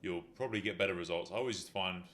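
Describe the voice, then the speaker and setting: A man's voice: low voice, fast talker, a bit bright, slight background noise. A man hosting a fitness talk show, explaining things in a rambling casual chat full of fillers. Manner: rambling, explanatory, many "you know" fillers. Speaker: fitness talk show host, injury rehab specialist.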